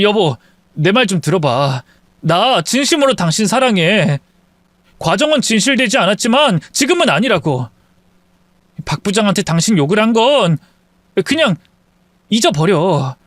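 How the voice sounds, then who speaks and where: A man's voice: sits high, big pitch swings, moderate pace, pauses often, a bit bright, no room sound. A man voicing a deceitful young husband who stammers and pleads with excuses in a dry recording. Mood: pleading. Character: lying, groveling young husband caught cheating.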